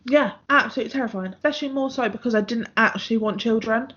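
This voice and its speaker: A woman's voice: a little high, fast talker, a bit bright, breathy edge. A young woman from England, co-hosting a casual podcast and telling a personal story bluntly, with some swearing. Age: 20s. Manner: candid and blunt, swears freely, storytelling pace. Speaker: podcast co-host. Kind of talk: casual chat. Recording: muffled lo-fi podcast audio.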